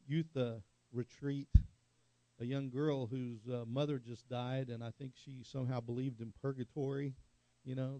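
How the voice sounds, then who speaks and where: A middle-aged pastor preaches a conversational sermon, telling stories and asking the congregation for an amen. His voice is mid-range and warm, recorded with no echo.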